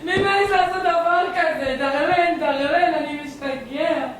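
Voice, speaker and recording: A woman playing a fussy, bossy hypochondriac older man in a stage play, complaining and shouting at his servant. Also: extremely high pitch, a little hiss or hum. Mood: whiny. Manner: shouting, complaining, calling out repeatedly. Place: theatre stage. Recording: echoey stage audio from far off.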